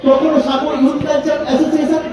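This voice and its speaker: A man gives football commentary in a very high voice. He sounds far off and heavily echoing, like a dull public-address feed, with a crowd around. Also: little pitch movement, fast. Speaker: match announcer and commentator. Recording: dull, very echoey distant loudspeaker, crowd noise.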